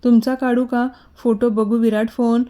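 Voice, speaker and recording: A woman's voice: fairly high pitch, level tone, normal speed, mellow, natural voice. A woman voicing a teasing party friend. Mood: cheerful. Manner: bubbly, teasing. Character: cheerful young female friend at a party.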